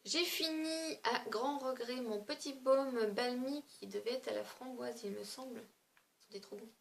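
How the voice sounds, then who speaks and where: A woman beauty vlogger in a casual review chat, her voice sitting a bit higher than most. She talks loosely and chattily, dropping in fillers and little hesitations as she goes, and there is a faint hiss under the recording. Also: unhurried, vocal fry.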